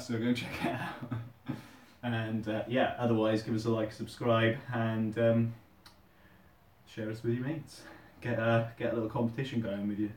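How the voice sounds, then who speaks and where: A man's voice: mid-range voice, darkish tone. A British man hosting a casual workout vlog, chatting informally while he does push-ups. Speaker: host of a fitness challenge video. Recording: roomy echo, distant microphone.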